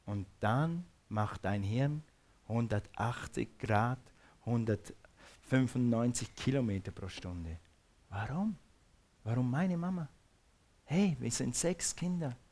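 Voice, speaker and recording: A man from Switzerland preaches a fervent, repetitive sermon, calling on the congregation to repeat words after him. His voice is mid-range and a little mellow.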